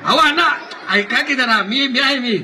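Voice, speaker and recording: An eager village son who keeps coaxing his old father along, as a man puts him on. His voice is very high and bright in the telling, with a faint crowd murmur behind it. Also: moderate pace, soft background music, exaggerated voice. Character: pleading middle-aged village son on bicycle.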